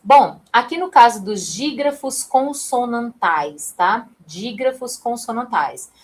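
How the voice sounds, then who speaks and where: A woman's voice: a little high, lively intonation, slow pace. A young adult woman with a Brazilian Portuguese accent teaching a live online class, chatty and calling on students by name. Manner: chatty, reads chat, addresses students by name.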